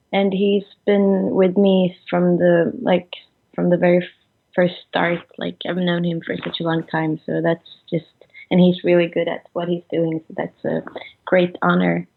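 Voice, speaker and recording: A young woman from Sweden, a musician interviewed by phone, speaks in a low, gravelly voice. She answers haltingly, with many fillers, and often trails off. The sound comes through a thin, tinny phone line. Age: 20s. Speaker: musician guest.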